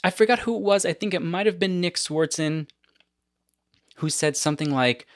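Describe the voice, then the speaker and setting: A man hosting a podcast who tells stories in an animated, casual way and often laughs between his points. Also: a little high, normal speed, no echo, clean studio sound. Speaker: podcast host. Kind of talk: casual conversation.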